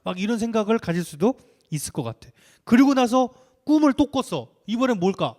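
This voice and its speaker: A young man preaching to children, telling a story in an animated way and asking them questions as he goes. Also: high voice, brisk.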